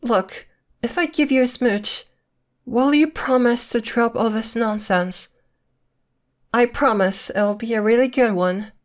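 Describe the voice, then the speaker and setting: In an ASMR roleplay, a woman plays a possessive girlfriend who is secretly a witch, coy and sweetly menacing. Her voice is a little high, unhurried and lightly acted, affectionate yet possessive, teasing while slipping veiled threats into a sweet tone.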